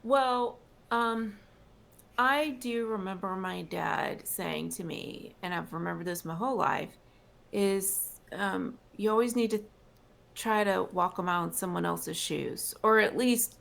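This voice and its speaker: A woman's voice: medium pitch, a little slow, vocal fry, a bit bright. A woman from North Carolina, a singer-songwriter guest, talking thoughtfully in a casual interview. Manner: thoughtful, reflective, laughs lightly.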